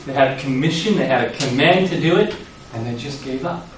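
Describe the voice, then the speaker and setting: A man preaching a sermon, telling the story vividly and acting out the quoted lines with sudden loud rises. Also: medium pitch, expressive, a little fast, a little hiss or hum. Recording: echoey hall, voice from far off.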